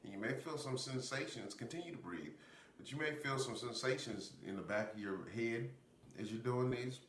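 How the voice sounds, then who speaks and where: A man's voice: fairly low pitch, a bit bright. A man with congested sinuses giving casual, loosely explained instruction in a breathing technique. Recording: roomy echo, faint background noise.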